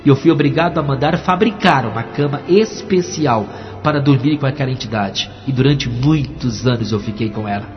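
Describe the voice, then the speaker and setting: A man's voice: medium pitch, brisk, soft background music. A pastor giving a dramatic testimony sermon, acting out the voices in his story. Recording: dull recording with long hall reverb.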